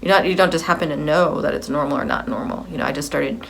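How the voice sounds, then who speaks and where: A woman's voice: low-pitched, quick pace, gravelly. A woman in her fifties giving a personal video update, rambling as she repeats and corrects herself. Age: 50s.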